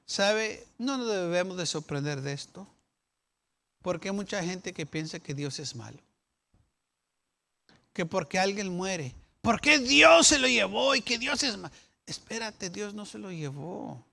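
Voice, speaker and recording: High-voiced pastor preaching slowly. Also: male voice, sing-song, creaky, sharp tone. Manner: acts out the doubting people's voices with questions and rebuttals. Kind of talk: sermon.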